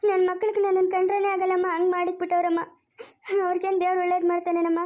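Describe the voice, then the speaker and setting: Cartoon: woman voices poor tearful laborer father, very high, rapid. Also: little pitch movement, warm tone, dry recording, natural voice. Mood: pleading. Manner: pleading, self-pitying. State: crying. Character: poor weeping male farm laborer father, middle-aged. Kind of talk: cartoon voice acting.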